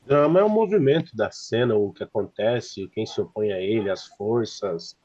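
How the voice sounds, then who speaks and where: Man, student on video call, buffering stuttering audio, halting restarts, dull distant sound, dry. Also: lowish voice, lively intonation, darkish tone, no room sound. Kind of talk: answering a class question.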